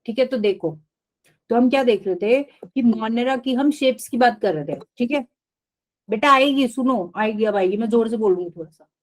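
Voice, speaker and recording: Woman teacher doing a live bio class online, kinda high voice, keeps asking the kids if they got it. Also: moderate pace. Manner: repetitive, checks in with students often. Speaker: biology teacher.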